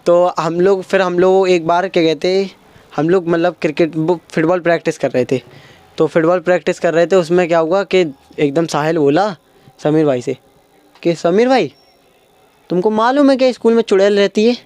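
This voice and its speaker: A young man. He is animated and keeps slipping into his friends' voices as he tells the story. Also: a little high, normal speed, dry recording. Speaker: stand-up comedian. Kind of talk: stand-up storytelling.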